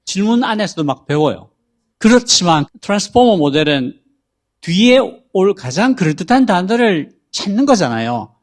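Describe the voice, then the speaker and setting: On a talk show, a male guest explains how a chatbot works, patiently reading out example prompts. His high-pitched voice has a sing-song quality, and he speaks at a moderate pace.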